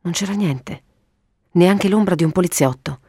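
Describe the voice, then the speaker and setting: A woman narrating a detective story in an animated reading style. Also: lowish voice, normal speed, breathy edge, no room sound, studio quality.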